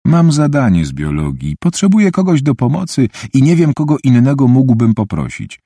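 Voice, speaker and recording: A man reading an audiobook, voicing a calm, helpful teenage boy who speaks matter-of-factly. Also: mid-range voice, normal speed, slightly rough, no echo, studio quality, voice pushed up.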